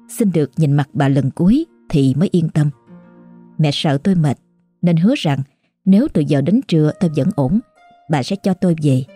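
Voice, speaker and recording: A woman narrating a horror story in an emotive, dramatic manner, over soft background music. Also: low-pitched, husky.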